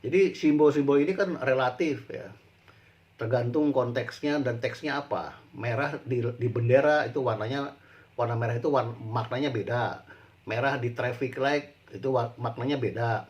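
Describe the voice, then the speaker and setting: A middle-aged man giving an informal spoken lecture to students, explaining slowly and repeating himself with frequent tag words. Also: medium pitch. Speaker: university lecturer.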